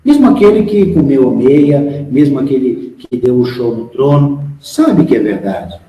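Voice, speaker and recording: A man's voice: medium pitch, lively intonation, measured pace, mellow. A man with a Brazilian Portuguese accent giving a frank, emphatic spiritual lecture, asking his followers rhetorical questions. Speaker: spiritual instructor. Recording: echoey hall, long reverb.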